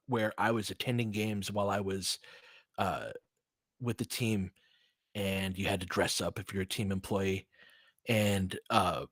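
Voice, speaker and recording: A medium-pitched man with a sharp tone hosts a laid-back basketball chat with live commentary, fielding listener questions. He's from California and has an American accent, reasoning out loud in sentences that trail away and begin again. The sound is clean studio audio without echo.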